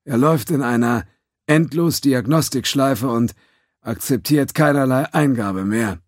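A man's voice: medium pitch, unhurried, dry recording, studio quality, voice pushed up, natural voice. A man reading an audiobook, voicing an overworked, sarcastic male starship engineer who snaps at everyone. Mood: exasperated. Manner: exasperated, sarcastic outbursts. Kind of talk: audiobook character voice.

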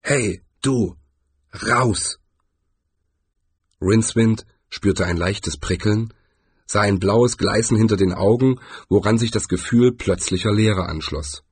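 A man reading a story aloud as an audiobook narrator, telling it in a measured way. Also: on the low side, darkish tone, slightly rough, no room sound. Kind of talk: scripted narration.

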